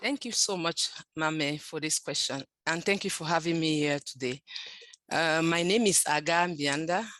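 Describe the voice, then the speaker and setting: A woman's voice: deep voice, moderate pace, fairly bright tone, no echo. A French-speaking woman from Cameroon with a Cameroonian accent, giving earnest, grateful answers as an interview guest, with some restarts. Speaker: program participant, guest. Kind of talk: interview answers on a video call.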